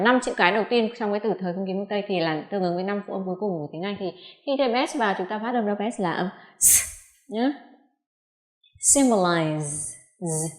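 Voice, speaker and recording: A woman English teacher giving a pronunciation lesson, spelling out letters and saying each example word slowly and deliberately. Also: mid-range voice, reverberant. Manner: slow, deliberate modelling of English words.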